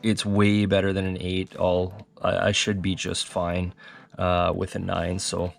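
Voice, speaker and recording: Deep-voiced man with a radio-like tone. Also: unhurried, vocal fry. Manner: relaxed, chatty, talks straight to viewers. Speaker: sports card collector and channel host. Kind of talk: casual card-review vlog talk.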